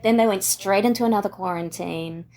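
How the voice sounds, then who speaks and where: Interview guest: a laid-back woman with a New Zealand accent and a touch of vocal fry. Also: mid-range voice, a little fast, slight background noise. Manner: relaxed, agreeable, frequent "yeah" affirmations. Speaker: costume maker and guest. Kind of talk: casual interview chat.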